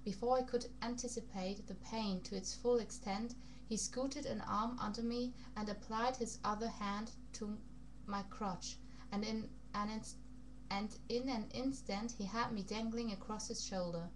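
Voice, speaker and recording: A woman with a mid-range, steady voice reads a novel aloud at a measured pace, using a put-on, funny foreign accent. Now and then she stumbles over words and rereads phrases. The recording is noisy, with background hum.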